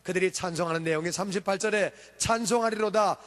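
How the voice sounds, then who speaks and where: A man's voice: very high voice, expressive, normal speed, fairly bright tone. A male pastor preaching a sermon, telling the story with emphatic rhetorical questions. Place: church sanctuary. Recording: long church hall reverb.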